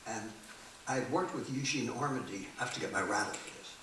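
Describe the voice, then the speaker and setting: A man from the Philadelphia area telling an animated, digressive story between songs at a small music cafe, with restarts along the way. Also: mid-range voice, a little fast. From Philadelphia area, USA. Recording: echoey, distant, noisy live room.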